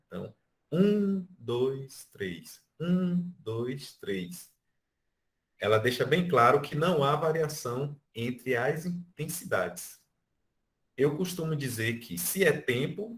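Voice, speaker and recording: A Brazilian man teaching an online music class, explaining by counting beats and stretching out syllables. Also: mid-range voice. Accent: Brazilian Portuguese. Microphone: video call.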